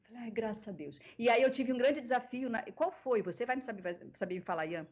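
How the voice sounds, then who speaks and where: A woman with a Brazilian accent, a guest voice actress on a podcast, telling stories in an animated way. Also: on the high side, fast talker. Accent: Brazilian Portuguese. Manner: animated storyteller, acting out quoted voices. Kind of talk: casual interview storytelling. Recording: dull lo-fi podcast audio.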